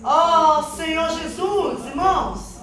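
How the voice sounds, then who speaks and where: A woman's voice: extremely high pitch, slow pace, fairly bright tone. A woman giving a spoken testimony to a church congregation, earnest and often calling out to the Lord and the brethren. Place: church hall. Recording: very echoey church hall, mic far off.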